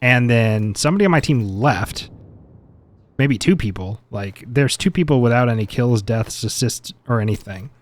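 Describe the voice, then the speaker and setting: A man's voice: medium pitch, lively intonation, normal speed. Man doing chatty gameplay commentary. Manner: chatty, opinionated, mildly exasperated. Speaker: gaming content creator. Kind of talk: casual gameplay benchmark commentary.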